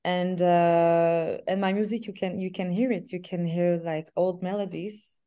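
A young woman from Canada, a singer, answering interview questions over a video call in a hesitant, halting way. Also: on the low side, fairly even intonation. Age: young adult. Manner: hesitant, restarts often, laughs softly. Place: small room indoors. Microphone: laptop webcam on video call.

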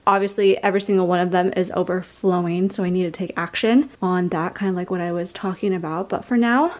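A woman's voice: medium pitch, a little mellow. A young woman vlogger talking casually to the camera, full of "like" fillers. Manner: chatty, filler-heavy with frequent "like".

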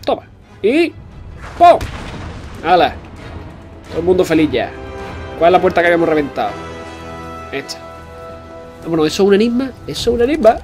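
A man giving jokey let's-play commentary, excitable and swearing often. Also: sits high. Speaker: gamer.

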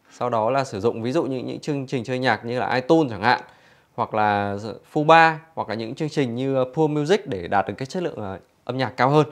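Man, infomercial-style product demonstrator. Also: mid-range voice. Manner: conversational, explanatory, addressing customers. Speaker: product demonstrator for an audio store.

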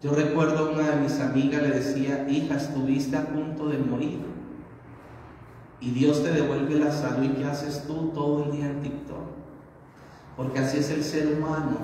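A man's voice: on the high side, mellow, slight background noise. A middle-aged man, a priest, preaching a sermon at a baptism mass in a small chapel, speaking into a handheld mic and putting questions to the congregation. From Colombia. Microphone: handheld mic, far camera. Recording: echoey chapel, voice heard from far off.

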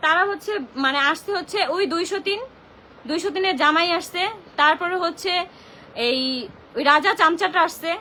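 This phone livestream rant comes from a young woman with a very high-pitched, bright, pushed voice, moving at a moderate pace with frequent pauses. Heated and indignant, she leans on rhetorical questions, and there's a faint hiss or hum.

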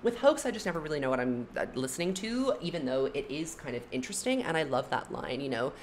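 A woman's voice: deep voice, fast talker, a little hiss or hum. A young adult woman talking casually as she ranks songs, chatty and opinionated, with many "like" fillers. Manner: animated, chatty, frequent "like" fillers. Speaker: music commentary YouTuber. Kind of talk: casual opinionated album ranking.

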